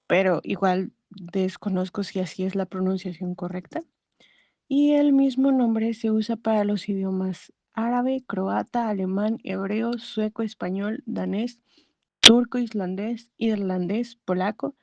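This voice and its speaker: A woman's voice: medium pitch, steady tone, measured pace, warm tone, dry recording. A woman hosting a video, reading an informative script and carefully sounding out foreign names, sometimes unsure of the pronunciation. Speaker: YouTube channel host. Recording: slightly dull, dry recording.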